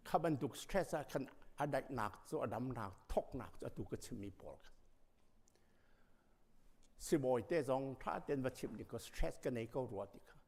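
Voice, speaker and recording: A man's voice: mid-range voice, animated, moderate pace, slightly rough. Man preaching in an echoing church. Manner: emphatic, rising to loud passages. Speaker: pastor. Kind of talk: sermon. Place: church sanctuary. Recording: long reverb of a church hall.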